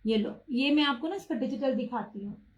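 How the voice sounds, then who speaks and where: In a low-quality recording, a high-voiced woman pitches clothes on a live stream at a brisk pace. Chatty and pushy about price, she insists her prices are low and calls out viewers by name.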